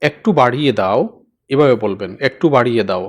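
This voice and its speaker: A man from Bangladesh teaching a spoken language lesson, repeating each phrase slowly and often asking his listeners if they follow. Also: mid-range voice. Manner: slow repetition of phrases, checking in often.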